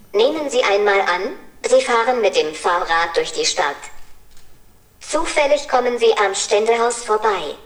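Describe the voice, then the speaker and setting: A synthetic female robot voice speaks in polite, cheerful assistant phrases at a middle pitch. It is caught from some distance in a roomy, echoing space. The delivery is steady and scripted. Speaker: humanoid service robot. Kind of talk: scripted demo talk. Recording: roomy and far from mic.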